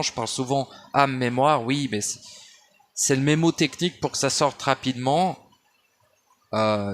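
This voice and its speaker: Recorded on a phone or basic mic with slight background noise, a man with a medium-pitched, fairly bright voice muses on spiritual matters at home. His monologue drifts off course, restarts often, leans on fillers, and addresses the listener as "tu."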